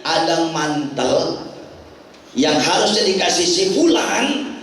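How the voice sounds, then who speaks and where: Sex: man. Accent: Jakarta Betawi. Role: preacher. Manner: lively, joking storyteller. Pitch: high and very lively. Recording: echoey prayer hall, distant mic. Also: slow pace, a little hiss or hum. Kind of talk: humorous storytelling sermon.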